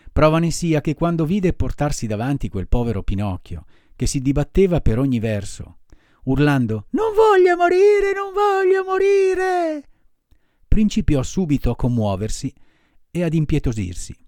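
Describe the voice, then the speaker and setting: A man narrating a classic children's novel as an audiobook reader, expressive and measured, on a close mic. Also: medium pitch, no echo.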